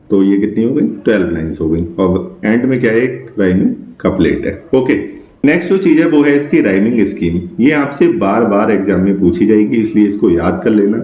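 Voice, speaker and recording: A man teaching an exam-prep literature lesson, explaining step by step, often checking with the class, and reading English lines slowly. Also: on the low side, dark tone, reverberant.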